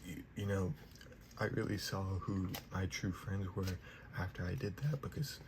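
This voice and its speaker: A young man giving a whispered ASMR pep talk in a soft, reassuring manner. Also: deep voice, level tone, measured pace. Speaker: ASMR creator giving positive affirmations. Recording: noisy, clear background hiss.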